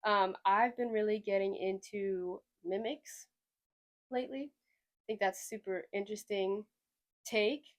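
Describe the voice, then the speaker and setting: Hosting a casual podcast, a young Swedish woman with a slight Southern US twang rambles and chats, hedging constantly. She speaks a little slowly at a medium pitch.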